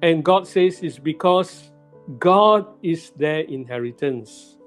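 High-voiced male pastor preaching slowly. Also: animated, faint music behind. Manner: slow, deliberate preaching with repeated emphasis. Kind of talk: sermon. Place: church sanctuary.

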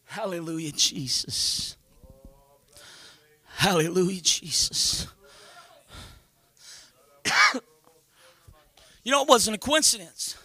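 High-voiced shouting pastor. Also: male voice, sing-song, takes it slowly, pauses often, no echo. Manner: swings from hushed to shouted, repeats amen and hallelujah. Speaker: senior pastor. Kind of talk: Pentecostal preaching.

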